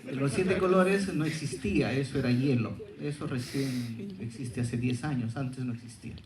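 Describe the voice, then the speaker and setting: A man's voice: mid-range voice, normal speed, echoey room, a crowd in the background, low-quality recording. A man, an anthropologist, telling an anecdote at a conference panel, hesitant and repeating words. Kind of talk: conference talk.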